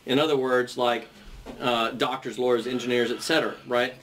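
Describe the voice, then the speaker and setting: A man's voice: mid-range voice, steady tone, normal speed, recorded from a distance, crowd noise. A man hosting a panel debate, talking at length and often repeating and restarting his words. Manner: long-winded, stumbles and repeats words. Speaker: host.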